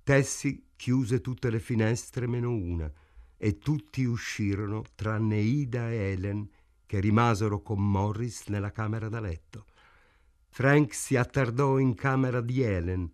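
A man reading a novel aloud in a measured, even way. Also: lowish voice. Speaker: narrator. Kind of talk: audiobook narration.

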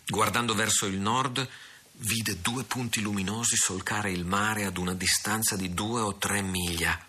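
A man narrating an adventure novel as an audiobook, in a steady, measured storytelling manner. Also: on the low side, slightly rough. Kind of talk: audiobook reading.

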